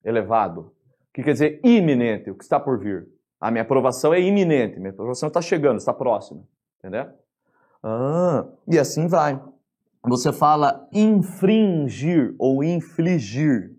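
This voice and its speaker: Young Brazilian man, grammar teacher, husky, upbeat and conversational. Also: medium pitch, normal speed. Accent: Brazilian Portuguese. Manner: lively, chatty, asks the class questions. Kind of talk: online grammar lesson.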